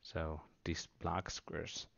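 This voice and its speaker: A man gives a simple, unscripted explanation for children in a fairly low voice with plenty of fry. He goes slowly, in halting short phrases. The sound is somewhat dull and lo-fi. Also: monotone, a bit bright. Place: indoors at a table.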